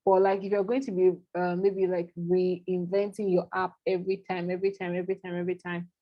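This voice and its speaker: A woman's voice: fairly low pitch, level tone, brisk, dull audio. A woman facilitating an online product management class, talking through ideas conversationally with frequent fillers.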